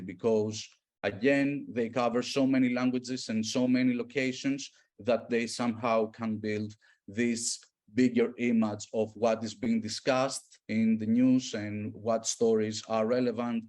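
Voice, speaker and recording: Guy on a video call explaining a data repo, kinda low voice, lots of uhs. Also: fairly even intonation, measured pace, darkish tone. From Greece. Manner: explanatory, many "uh" fillers. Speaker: workshop presenter. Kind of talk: online workshop presentation.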